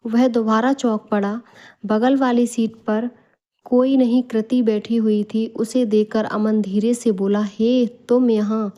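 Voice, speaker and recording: Mellow woman reading a bedtime story. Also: fairly high pitch, fairly even intonation, a little slow, lo-fi sound. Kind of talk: scripted narration.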